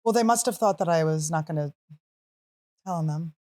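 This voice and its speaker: Brief: woman podcast host, 30s, lower pitch, jokey casual chat full of asides. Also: darkish tone. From Philadelphia. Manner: joking, quick asides, frequent "like".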